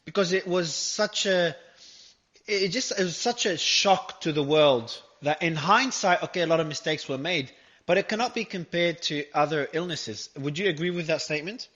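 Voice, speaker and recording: A man's voice: fairly high pitch, moderate pace, fairly bright tone. A man hosting a live audio chat, reading audience questions aloud while eating. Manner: casual, reads audience questions. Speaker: host. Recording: dull lo-fi audio.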